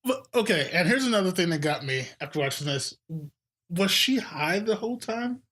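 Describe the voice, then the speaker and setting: A woman's voice: on the low side, expressive, normal speed, fairly bright tone. A woman co-hosting a podcast, chatting casually about films, laughing often and trailing off mid-sentence. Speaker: podcast co-host. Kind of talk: casual movie chat.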